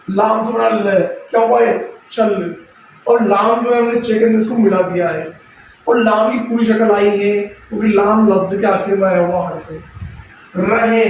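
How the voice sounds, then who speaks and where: A man's voice: high voice, a little mellow, a little hiss or hum. A man teaching a step-by-step script lesson, patiently explaining, repeating letters and asking questions he answers himself. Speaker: Urdu teacher. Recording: very echoey room from far off.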